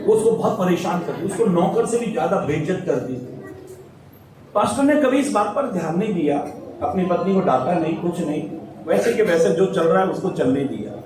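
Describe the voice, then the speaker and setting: A male pastor preaching a storytelling sermon, animated, and repeating phrases for emphasis. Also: high voice, normal speed. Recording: very echoey, distant mic, faint noise.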